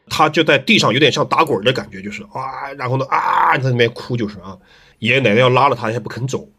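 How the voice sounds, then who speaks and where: A middle-aged man, a landscape design teacher, telling stories in a relaxed interview with lots of fillers and tag questions. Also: mid-range voice, husky. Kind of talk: casual interview storytelling.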